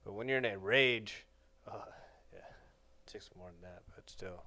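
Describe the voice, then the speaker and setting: A man hosting a casual podcast, relaxed and agreeable, chiming in with short affirmations. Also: lowish voice, unhurried, a little hiss or hum. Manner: easygoing, lots of short affirmations. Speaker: podcast host.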